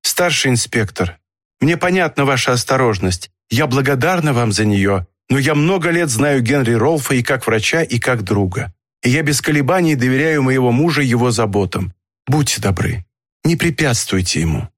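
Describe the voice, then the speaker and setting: A man reading an audiobook, voicing an anxious, gentle woman who pleads and protests. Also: mid-range voice, lively intonation, normal speed, no echo, studio quality, lightly acted. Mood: firm.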